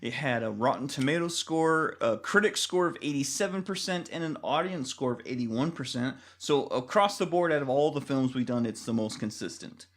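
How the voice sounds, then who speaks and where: A man co-hosting a casual film-review chat, excitable and quick to interrupt and laugh. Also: medium pitch. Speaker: podcast co-host.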